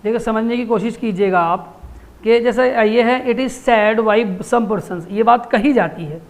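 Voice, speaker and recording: A male teacher giving an exam-prep grammar lesson, translating phrase by phrase and quizzing listeners with quick rhetorical questions. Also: high-pitched.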